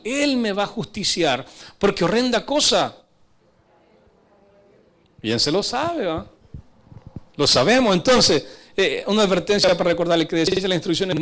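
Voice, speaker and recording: A preacher with a notably high voice delivering an emphatic sermon. He exhorts his listeners and keeps checking in with them through questions. His delivery shifts between urgent stretches and slower, quieter passages.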